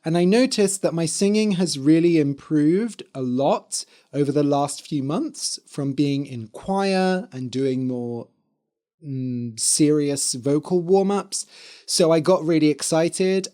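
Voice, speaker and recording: A podcast host who teaches English speaks in a medium-pitched, warm voice that's slightly hoarse and dry. He explains things clearly and carefully for language learners, enunciating with care and spelling words out letter by letter.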